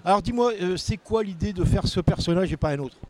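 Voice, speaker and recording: Intervieweur bavard à la voix haute. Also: male voice, high voice, expressive, fast talker. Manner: chatty, informal, exclamatory. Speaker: radio interviewer. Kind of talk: casual on-site interview.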